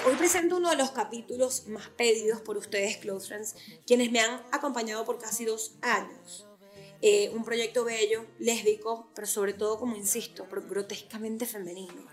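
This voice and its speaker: A woman hosts a casual podcast in Caribbean Venezuelan Spanish. Her voice sits fairly high yet has a husky touch, and she talks in a teasing, irreverent manner over some music. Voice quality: slightly husky. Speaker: podcast host. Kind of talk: casual, playful podcast chat.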